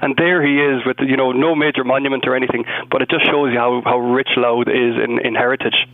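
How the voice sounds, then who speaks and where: A man's voice: medium pitch, little pitch movement, fairly quick. Phone-line young man, west of Ireland accent. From Galway, west of Ireland. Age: young adult. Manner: explanatory, discursive. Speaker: interview guest, Dominican friar. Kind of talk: conversational radio interview. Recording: phone-like narrow band.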